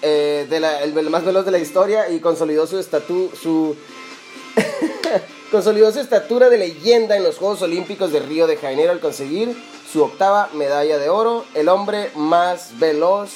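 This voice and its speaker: A man's voice: a little high, normal speed, darkish tone, soft background music. A man with a Mexican Spanish accent, co-hosting a casual comedic chat in a playful, mock-formal way. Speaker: co-host.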